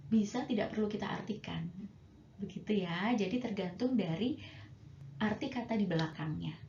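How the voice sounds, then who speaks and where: A woman's voice: mid-range voice, warm tone. Patient woman teaching English grammar. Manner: slow, patient, stretching out example sentences. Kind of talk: bilingual grammar lesson. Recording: roomy, dull lo-fi sound with faint noise.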